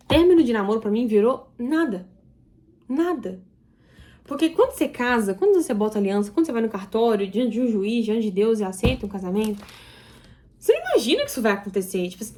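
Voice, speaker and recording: A young woman vlogger confides a personal story to her viewers, speaking to camera in an emotional, confessional way. Her voice is a little high with a darkish tone.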